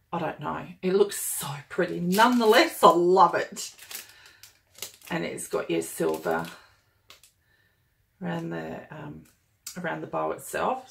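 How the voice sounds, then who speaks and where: A woman's voice: fairly low pitch, creaky. A woman talking casually and enthusiastically as she unboxes and reviews a planner kit, gushing over each item. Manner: gushing and enthusiastic, chatty with fillers.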